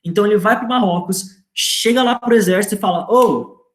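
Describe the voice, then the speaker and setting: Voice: medium pitch, fast talker. A history teacher with a Brazilian accent giving a casual lecture, speaking in an informal, slangy way and asking students rhetorical questions. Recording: echoey room.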